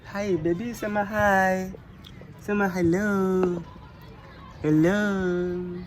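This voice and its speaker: A Kenyan man hosts a casual vlog outdoors, with noise around him, moving between English and Swahili. His phrasing is halting and drawn out, and his voice sits high with fairly even intonation.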